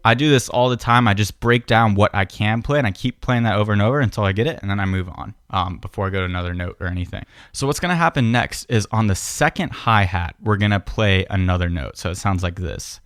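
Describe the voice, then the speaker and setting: In a smooth, fairly low voice and at a quick pace, a man teaches piano in a casual, patient, step-by-step way. The dry, studio-quality recording captures a piano and beatbox teacher who begins many sentences with "so," with piano playing in the background.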